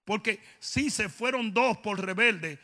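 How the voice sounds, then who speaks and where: A man with a Dominican accent preaching a humorous sermon, telling stories with comic voices and building to loud, emphatic peaks. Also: sits high, takes it slowly. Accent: Dominican Spanish. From Dominican Republic. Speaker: pastor.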